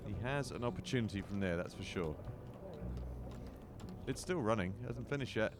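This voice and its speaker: A man's voice: on the low side, lively intonation, moderate pace, noisy background. A man giving golf commentary in short, conversational shot-by-shot calls with wry asides.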